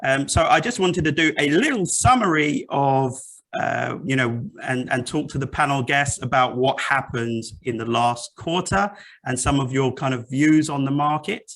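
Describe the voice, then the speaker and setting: Bright-voiced man hosting a video panel. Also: mid-range voice, moderate pace. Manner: friendly, filler-heavy, bright. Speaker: forum host. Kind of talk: video call panel moderation. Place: office room.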